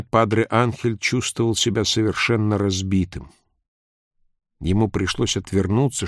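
A man reads an audiobook in a measured, even voice. His pitch sits on the low side. The recording is close and very dry. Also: no echo. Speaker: audiobook narrator. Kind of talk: scripted narration.

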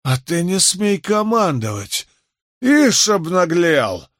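A man voicing a drunk, furious older male orphanage master who shouts and wheezes threats in an audiobook. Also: medium pitch, very animated, unhurried, creaky, husky, no room sound, studio quality, exaggerated voice.

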